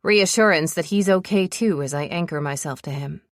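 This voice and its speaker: A woman's voice: deep voice, normal speed, no room sound, clean studio sound. A young adult woman doing emotive first-person audiobook narration with a breathless storytelling manner.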